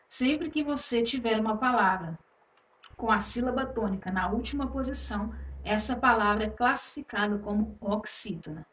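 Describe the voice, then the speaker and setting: A woman teaching a grammar lesson online, explaining patiently and checking in with "ok?" after each point. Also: fairly high pitch. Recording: echoey room, voice a bit far from mic, faint noise.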